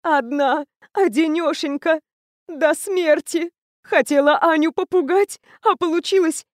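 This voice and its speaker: A woman's voice: high-pitched, normal speed, dry recording, clean studio sound, pitched above the performer's own voice, lightly acted. A woman voicing a hysterical middle-aged foster mother who whines and wails through tears. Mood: sobbing, whining. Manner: whiny, wailing through tears.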